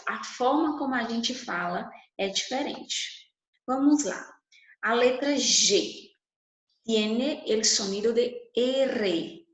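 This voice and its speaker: A woman's voice: medium pitch, echoey room, low-quality recording. A woman teaching Spanish to Portuguese speakers, explaining step by step and asking the class questions. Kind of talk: online class lesson.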